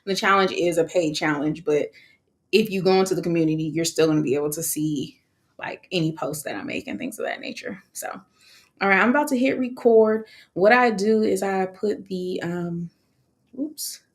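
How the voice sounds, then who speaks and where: A woman with a slightly low voice talks on a live stream in a loose, animated way and laughs often as she explains her process. She speaks into her own microphone in a casual walkthrough tone, as a host of her own channel. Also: moderate pace. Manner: chatty and animated, with frequent laughs and fillers. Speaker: online course creator hosting a live co-working session. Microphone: wearing her own microphone.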